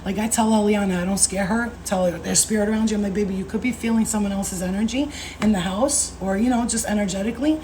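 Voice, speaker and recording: A woman in her thirties hosting a casual livestream as a spiritual coach, talking in an animated, slangy way, swearing freely and calling viewers babe and baby. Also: mid-range voice, quick pace, hardly any pauses, a little hiss or hum, low-quality recording. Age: 30s.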